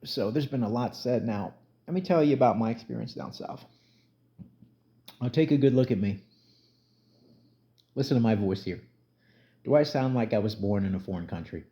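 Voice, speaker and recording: With a mellow, medium-pitched voice, a man from New Jersey, USA, speaks at a moderate pace and pauses often. He's a YouTube commentator whose casual spoken vlog is blunt and conversational, built on emphatic rants in plain talk, recorded in lo-fi audio.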